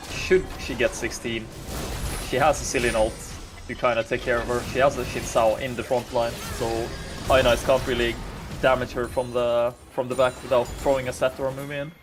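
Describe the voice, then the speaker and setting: Analytical male esports caster, mid-pitched. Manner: analytical, with teasing jabs at co-casters. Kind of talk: live esports commentary. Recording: game music clearly behind the voice.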